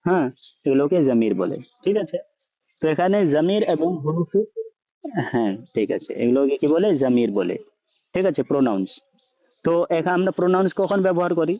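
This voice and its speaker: A man's voice: fairly high pitch, dark tone, dry recording. A man teaching a language class, asking students questions and often checking that they follow, mixing English words into his speech. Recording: dull lo-fi sound.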